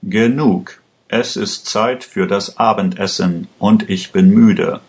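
A man's voice: fairly low pitch, steady tone, slow, darkish tone. A man voicing an impatient, tired judge who gives curt commands.

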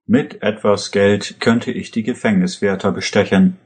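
A man voicing a calm, wry male investigator who speaks with dry irony. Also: lowish voice, a little slow, lightly acted.

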